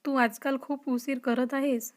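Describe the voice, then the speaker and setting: A woman reading the lines of a cheeky young college woman who playfully teases her best friend, in a high voice. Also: little pitch movement, a little slow. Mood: teasing. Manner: teasing, playful.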